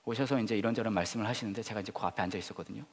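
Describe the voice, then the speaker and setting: A male pastor giving an Easter sermon. He swings from loud, emphatic lines to soft, whispered confessions. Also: on the low side, very fast. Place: church sanctuary. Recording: reverberant hall.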